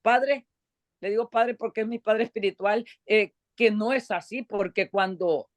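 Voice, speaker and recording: A woman joins a class over a video call to ask a question. She speaks hesitantly, with many fillers, at a middle pitch. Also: a little slow. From United States. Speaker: student.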